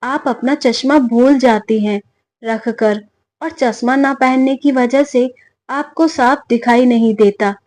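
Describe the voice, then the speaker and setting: A woman's voice: a little high, takes it slowly, a little mellow, no echo. A woman voicing a caring grown son who speaks earnestly to his mother. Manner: concerned, earnest.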